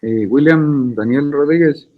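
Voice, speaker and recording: A university lecturer with a slightly high voice takes roll and teaches over a video call, unhurried and teasing in an informal way. The audio is tinny and phone-like.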